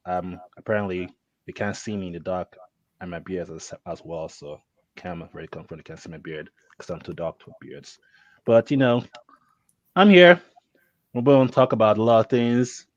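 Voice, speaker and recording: A man introducing himself on a casual group podcast, relaxed and rambling, slightly high. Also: normal speed, no echo. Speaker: podcast guest. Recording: dry, muffled call audio.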